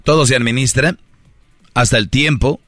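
Mexican guy on the radio preaching about love, bright and forceful, super dry sound. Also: medium pitch, steady tone, normal speed, no echo, soft background music. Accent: Mexican Spanish. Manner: preachy, slangy, acts out quoted voices. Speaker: radio host giving advice. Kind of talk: casual radio monologue.

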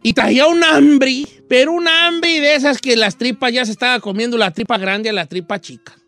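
A man telling a folk tale in an animated, folksy way, with asides to his listener. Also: very high voice, fairly quick, no echo, faint music behind. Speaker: storyteller. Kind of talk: folksy oral storytelling.

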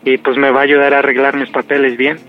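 Mexican man in his thirties, medium-pitched, colloquial. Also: monotone, fast, phone-quality sound, faint music behind. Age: 30s. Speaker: prank show caller. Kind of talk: casual phone chat.

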